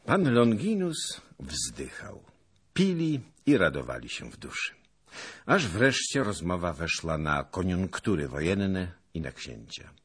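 A man narrating a historical novel in a measured, expressive, husky voice. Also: low voice.

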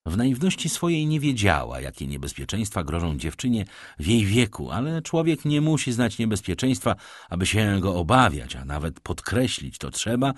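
A man narrating a novel aloud in an expressive storytelling manner. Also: fairly low pitch, no room sound, clean studio sound. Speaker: audiobook narrator. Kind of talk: scripted literary narration.

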